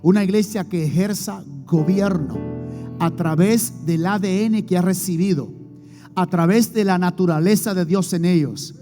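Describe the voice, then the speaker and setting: Male pastor, emphatic sermon with call-and-response, high-pitched, faint music underneath. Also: normal speed, warm tone. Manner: emphatic preaching with call-and-response prompts to the congregation. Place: church hall before a congregation. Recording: long hall reverb, faint music behind.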